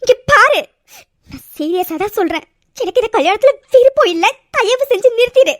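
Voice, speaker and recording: Cast a woman as a shrill, high-voiced young bride for a cartoon, insistent and exasperated, with a dry close sound. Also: animated, fairly quick, a bit bright, no echo. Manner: insistent, exasperated, tearful pleading. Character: young bride pleading to cancel wedding. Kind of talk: cartoon voice acting.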